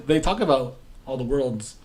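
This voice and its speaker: A man's voice: medium pitch, lively intonation, unhurried, darkish tone. A young man co-hosting a casual podcast chat, joking around and laughing often. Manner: jokey, laughs often, does silly pirate voice. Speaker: podcast co-host.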